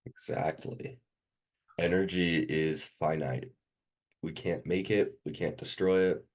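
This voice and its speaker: A man's voice: low-pitched, fairly even intonation, takes it slowly. A sick, sniffly man tutoring a student one on one, hesitant with many ums as he quizzes them.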